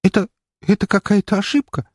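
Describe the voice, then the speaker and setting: A man's voice: sits high, fairly quick, darkish tone, slightly rough, no room sound, studio quality, voice pushed up. A man reading an audiobook, voicing a terrified young woman who pleads and sobs in panic. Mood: panicked pleading. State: sobbing, panicked. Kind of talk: audiobook character voice.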